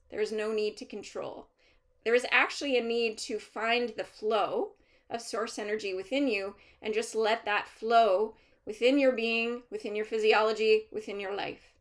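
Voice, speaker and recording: A woman speaking as a trance medium, channeling a collective of master healer spirits in a deliberate, formal, instructive manner with pauses. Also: medium pitch, lightly acted. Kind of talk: seance medium channeling, unscripted spiritual teaching.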